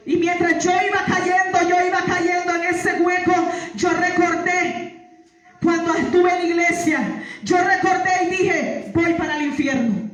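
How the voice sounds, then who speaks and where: A woman giving a fervent church testimony. She repeats her phrases and breaks into praise, rising at times to shouting. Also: very high-pitched, little pitch movement, measured pace. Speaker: testimony giver. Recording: echoey hall, far from mic.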